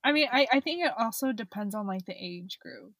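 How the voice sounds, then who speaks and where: A woman's voice: on the high side, animated, brisk, fairly bright tone, dry recording. A young adult woman chatting casually as a conversation partner on a podcast. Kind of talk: casual chat.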